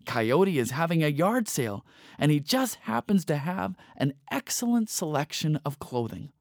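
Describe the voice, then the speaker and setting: Male reader voicing a scheming storybook raven, smooth and polite, lively delivery. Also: on the high side, moderate pace, dry recording, clean studio sound, heavily acted. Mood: coaxing. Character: devious helpful female raven.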